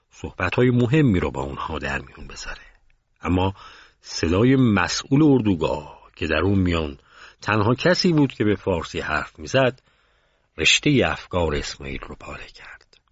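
Low-voiced male storyteller, calm and measured, dry, dull recording. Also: slightly rough, dry recording. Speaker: narrator. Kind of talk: scripted story narration.

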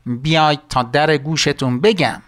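A man's voice: on the high side, fairly even intonation, a bit bright, close to an everyday voice. A man voicing a sneaky, fawning servant of an evil sorcerer in a storybook tale. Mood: sly. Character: sly, wicked servant of a sorcerer.

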